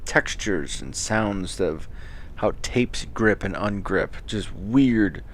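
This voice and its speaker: A man with a lowish voice talks in a loose, rambling way, cursing and cracking jokes. His pitch swings up and down as he riffs. There is a faint noise under the recording. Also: animated, takes it slowly. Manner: rambling, profane, jokey. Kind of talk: casual late-night chat.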